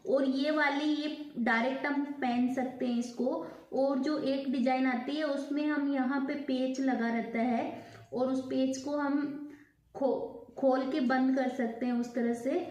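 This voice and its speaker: A high-pitched woman walks viewers through each piece step by step, unhurried and patient in her pacing. Her voice is mellow and soft-edged, and it rings a little in an echoey room at home. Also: steady tone. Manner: slow step-by-step explaining. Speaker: vlogger.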